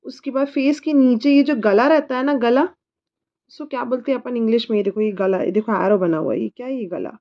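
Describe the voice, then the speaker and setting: A woman's voice: fairly high pitch, fairly quick, dull audio. A woman teaching her child English body words, patiently repeating each word and spelling it letter by letter. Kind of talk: slow spelling lesson.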